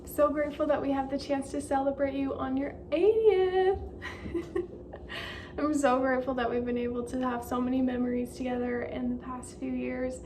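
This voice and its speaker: A young woman with a high, bright voice speaks cheerfully and laughs often. She is recorded from some distance from the mic, with clear background noise. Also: steady tone, moderate pace. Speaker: granddaughter. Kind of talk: birthday video message.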